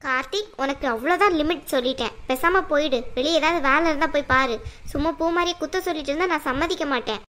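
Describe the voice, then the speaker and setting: A woman's voice: high voice, fast, fairly bright tone, pitched below the performer's own voice. A woman voicing a kind but stern mother-in-law in a cartoon, firm and soothing by turns. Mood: scolding. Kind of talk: cartoon voice acting.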